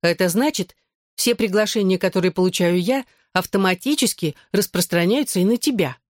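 A cheeky teenage girl from a storybook, teasing her best friend with a coaxing, playful lilt, as a woman reader puts her on. The voice sits a touch above the reader's own low tone. It is close and dry, with no room sound. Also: a little fast, dry recording, close to an everyday voice.

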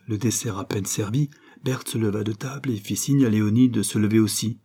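A man reading a novel aloud in a measured storytelling manner as an audiobook narrator. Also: on the low side, dark tone, husky.

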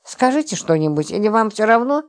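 A woman voicing an indignant, naive young wife who has become an amateur sleuth, given to shrill, agitated exclamations. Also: very animated, fairly quick.

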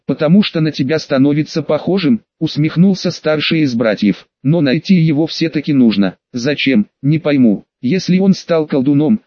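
A man reads a fantasy novel aloud in a steady, measured way, keeping the characters close to his own voice. His voice sits a little high for a man. The recording is dry and close, with the highs slightly muffled. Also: no echo. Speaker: audiobook narrator. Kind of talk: scripted narration.

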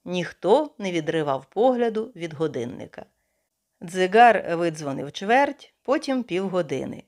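A woman narrating a detective novel as an audiobook, reading in an expressive storytelling manner. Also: fairly low pitch, unhurried. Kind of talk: scripted literary narration.

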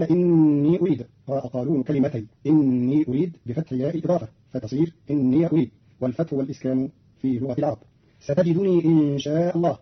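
A man presenting on radio, explaining recitation variants in a measured, precise way and quoting verses. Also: fairly high pitch, husky. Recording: dull old radio broadcast.

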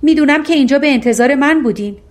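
A self-assured suitor from an old fairy tale speaks with steady insistence, as a woman reads him aloud. The voice sits a little high. It is an audiobook telling. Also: close to an everyday voice. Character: proud clever ugly fairy-tale suitor, man.

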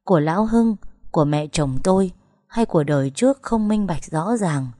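A woman's voice: lowish voice, lively intonation, normal speed, dark tone, no room sound, studio quality. A woman narrating a first-person dramatic story with emotional, tense storytelling.

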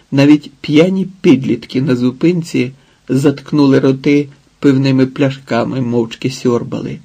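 A man narrating an audiobook in a calm, measured way. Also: medium pitch, gravelly, breathy edge. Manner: calm, measured, unhurried reading. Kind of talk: scripted narration.

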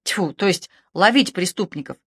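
Lady doing a confused young detective guy, stammery and flustered, higher voice, dry sound. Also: expressive, normal speed, breathy edge, no room sound. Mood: bewildered. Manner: bewildered, stammering. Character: flustered timid young male detective, red-haired.

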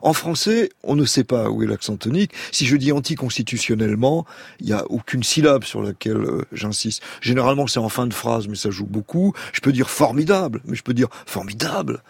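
Gravelly, husky-voiced man explaining words. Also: medium pitch, expressive, a little fast, few pauses, no echo. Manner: hesitant with many fillers, explanatory. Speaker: guest, language author. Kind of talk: radio interview.

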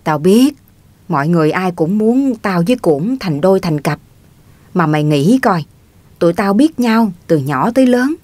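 A woman's voice: fairly low pitch, expressive, normal speed, darkish tone, no echo. A woman reading the part of a touchy, stubborn grown man from the countryside who grumbles defensively. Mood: grumbling.

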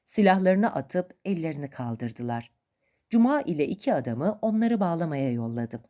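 A woman's voice: low voice, sing-song, moderate pace, mellow. A woman reading a first-person adventure story aloud as narrator, with dramatic expression.

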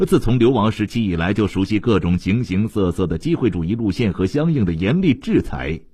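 A man reading a literary novel aloud as an audiobook narrator, in a measured, expressive storytelling manner. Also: on the low side, husky, no room sound, clean studio sound.

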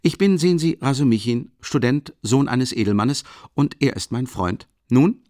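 A man doing a loud hearty young student. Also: expressive, moderate pace, dry recording, studio quality, close to an everyday voice. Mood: hearty, boisterous. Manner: booming and exclaiming. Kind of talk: audiobook character reading.

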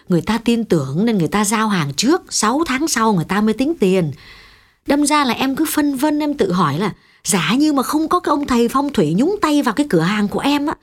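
A woman reading as a fretful chatty shopkeeper. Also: fairly high pitch. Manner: fretful, rambling. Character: anxious middle-aged woman shop owner, chatty. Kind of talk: audiobook reading.

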